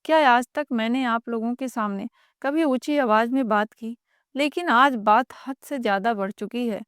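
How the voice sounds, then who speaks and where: A woman's voice: on the high side, moderate pace, smooth, no echo, clean studio sound, natural voice. A woman voicing an overworked young wife who speaks out in an indignant, raised voice.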